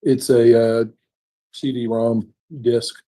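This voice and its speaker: Older guy on the witness stand, courtroom recording, mellow low voice, short polite answers. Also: level tone, slow. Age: 60s. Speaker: trial witness. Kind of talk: sworn courtroom testimony.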